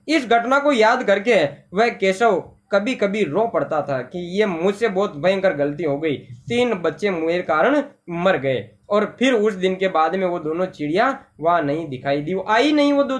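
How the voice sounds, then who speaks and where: Patient Hindi teacher explaining a story. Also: mid-range voice. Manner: repetitive, explanatory, asks rhetorical questions. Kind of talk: explaining a textbook story to a class.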